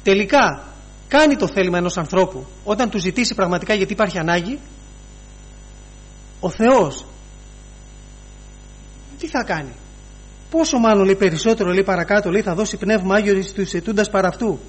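A man preaching a sermon, pausing often, repeating phrases and inserting "he says" as he retells scripture. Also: sits high, breathy edge.

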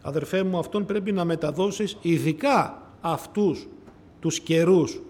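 High-voiced Greek preacher, rising and falling. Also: male voice, darkish tone. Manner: rhetorical questions to the congregation; repeats phrases for emphasis. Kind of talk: sermon.

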